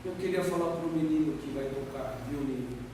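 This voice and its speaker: A man's voice: on the high side, normal speed. A middle-aged man from Brazil preaching a sermon, rousing the congregation into call-and-response chants. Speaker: guest preacher. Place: large church hall. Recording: echoey church from far off. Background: congregation responding, room noise.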